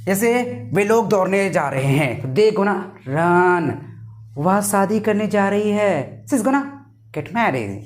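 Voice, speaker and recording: A man's voice: sits high, lively intonation, slow. A man teaching an English lesson online, explaining by asking and answering his own questions, with chatty joking asides.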